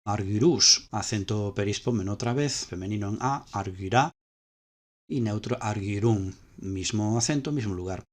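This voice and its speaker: A man's voice: lowish voice, moderate pace. A man with a Spanish accent teaching ancient Greek grammar step by step, repeating key points as he explains slides.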